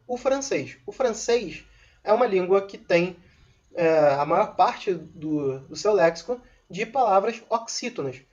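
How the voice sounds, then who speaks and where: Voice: mid-range voice, a little mellow. A teacher, patiently explaining a recorded grammar lesson with informal asides to viewers. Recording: dull lo-fi recording.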